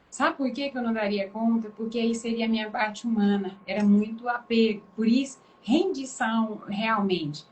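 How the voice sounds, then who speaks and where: Speaking on the high side through a rough recording, a Brazilian Portuguese-accented woman pastor preaches as a guest in a live conversation. Her testimony is emphatic and dramatic, animated by lively quoted voices.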